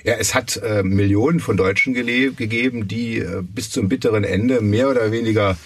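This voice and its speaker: A man speaking as a guest historian in a panel discussion, measured and academic, pausing often with hesitations. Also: on the low side, husky, distant mic.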